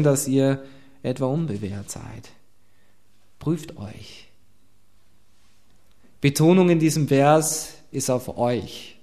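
A man preaching a sermon, earnest and emphatic, asking his listeners direct questions and dropping to a quiet voice at times. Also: mid-range voice.

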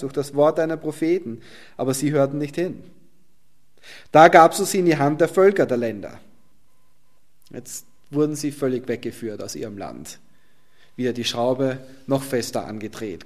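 Preacher swinging from loud to whispered. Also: male voice, medium pitch. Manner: swings from loud emphasis to soft near-whisper. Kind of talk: sermon with scripture reading.

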